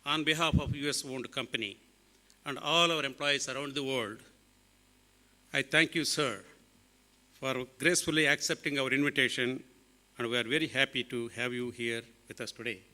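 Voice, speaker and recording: A man from the USA giving a measured, formal welcome address as a company executive at a conference. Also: medium pitch, fairly even intonation, bright, forceful tone. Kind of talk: formal prepared speech. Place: large conference hall. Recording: hall reverb.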